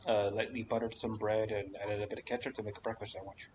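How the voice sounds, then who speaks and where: A man's voice: fairly low pitch, little pitch movement, fast, darkish tone, slight background noise. A man live-streaming a video game, chatting in an easygoing way with friends in voice chat.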